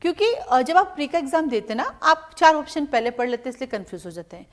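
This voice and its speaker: A woman's voice: high voice, sing-song, fast. A middle-aged woman from India, a law exam coaching teacher, giving students direct, motherly strategy advice. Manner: addresses students as "beta", direct advising tone.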